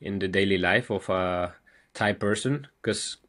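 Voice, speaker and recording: A man's voice: low voice, a little slow, fairly bright tone. A man from Europe hosting a casual interview and asking friendly questions. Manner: friendly, asks questions with fillers. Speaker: host.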